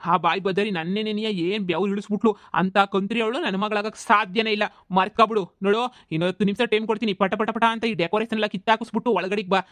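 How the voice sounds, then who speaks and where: A man voicing a bullying, foul-mouthed middle-aged village landlord who shouts insults and threats, in a comedy cartoon. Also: sits high, fairly even intonation, fast talker, few pauses, dry recording. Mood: angry, threatening.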